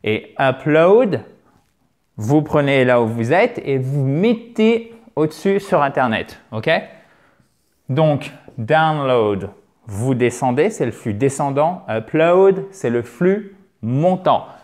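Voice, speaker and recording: A man teaching vocabulary, chatty and encouraging, slowing down to exaggerate pronunciation drills. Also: mid-range voice, sing-song, a little mellow. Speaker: English teacher. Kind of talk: vocabulary lesson.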